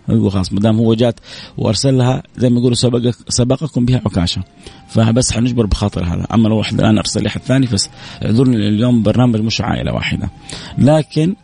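A man hosting a call-in radio show, his voice hoarse, reading out listener messages with devout phrasing. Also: fairly low pitch. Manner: reads listener messages aloud, warm religious phrasing.

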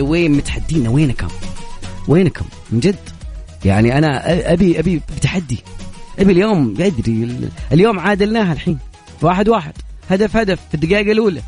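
Fast-talking Saudi radio host man. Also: on the high side. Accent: Saudi Arabic. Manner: fast, jokey and chatty. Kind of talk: live radio quiz show with callers. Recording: radio studio with loud music bed.

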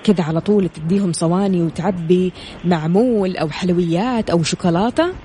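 Fast-talking woman hosting upbeat radio. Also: on the low side, a little hiss or hum. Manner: chatty, addresses listeners warmly with rhyming greetings. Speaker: radio show host.

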